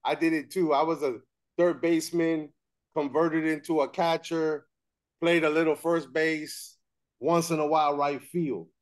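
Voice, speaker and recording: A middle-aged male host on a webcam call, his voice sitting a little higher than most men's. He asks questions in a friendly, chatty way and shares his own stories. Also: little pitch movement, measured pace. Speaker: show host. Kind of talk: video call interview. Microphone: webcam on video call.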